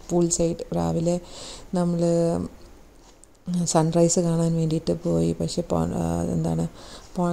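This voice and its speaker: Gravelly low-voiced Malayali woman vlogger. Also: warm tone, a little hiss or hum. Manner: chatty, rambling, with many self-corrections. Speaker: travel vlogger. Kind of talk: casual travel narration.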